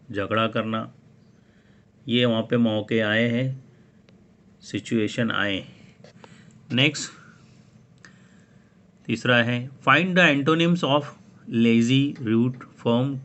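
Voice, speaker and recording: A male teacher works through a poem lesson at an unhurried pace. He reads each English word or phrase aloud, then glosses it in Hindi-Urdu in a plain, mid-pitched voice. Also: fairly bright tone.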